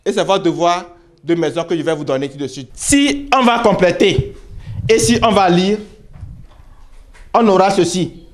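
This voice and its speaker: A man teaching a primary school reading lesson, spelling out syllables, repeating words and checking with the pupils as he goes. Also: high voice. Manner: slow, repeats words and syllables, asks "vous voyez?".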